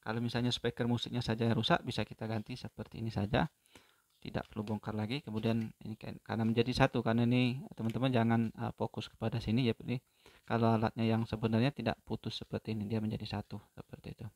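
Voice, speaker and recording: In a lowish voice with flat delivery, a man walks through a phone repair tutorial step by step. He takes his time and pauses often with fillers.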